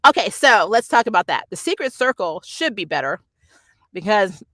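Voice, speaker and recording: With a mid-range, sing-song voice that's bright and forceful, a middle-aged woman speaks at a moderate pace on a dry recording. Hosting her nerd culture review channel's casual livestream, she reviews shows and responds to viewer comments in a rambling, digressive, opinionated way, laughing often.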